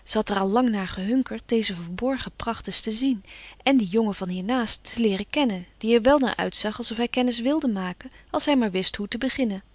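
A woman narrating an audiobook with measured, even pacing. Her voice sits on the high side and is recorded very dry and close. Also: no echo. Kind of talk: scripted narration.

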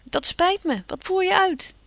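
A woman's voice: very high-pitched, measured pace, vocal fry, a bit bright, dry recording, pitched above the performer's own voice, exaggerated voice. A woman reading aloud, voicing a spirited, outspoken teenage girl in a storybook. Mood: cheery.

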